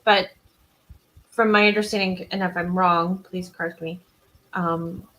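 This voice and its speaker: A woman's voice: fairly low pitch, fairly even intonation, a little slow, fairly bright tone, a little hiss or hum, rough recording. A woman co-hosting a live true-crime podcast, chatting casually and rambling with frequent laughs. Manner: rambling, giggly, self-deprecating. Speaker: podcast co-host. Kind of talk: casual live-stream chat.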